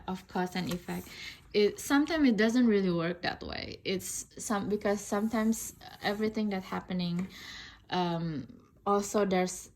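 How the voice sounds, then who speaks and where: A woman's voice: fairly low pitch, darkish tone, a little hiss or hum. A woman from Indonesia, not an English speaker, talking casually and thoughtfully in a tarot review, rambling with many fillers and restarts. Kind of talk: casual unboxing review talk.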